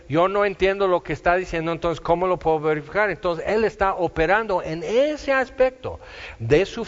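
A man preaching a sermon in a conversational style, firing off rhetorical questions. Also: on the high side. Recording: dull echoey hall.

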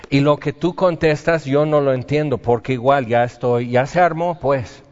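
Male preacher, mid-pitched, wry conversational humor, echoing hall on a muffled recording. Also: normal speed, a little mellow. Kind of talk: sermon. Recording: dull, reverberant hall sound.

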